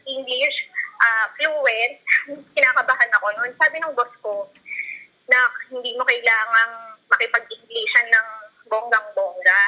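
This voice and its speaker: Bright, hesitant woman in her thirties. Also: a little high, a little slow, pauses often, low-quality recording. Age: 30s. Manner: hesitant, searching for words, frequent fillers, laughing. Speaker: guest, former tutor. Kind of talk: casual conversation.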